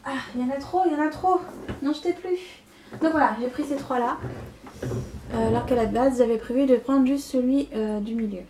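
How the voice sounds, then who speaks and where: A woman's voice: fairly high pitch, dark tone. A young woman hosting a knitting podcast, chatting casually about yarn she received, with frequent fillers and little laughs. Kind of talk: casual chat showing yarn haul.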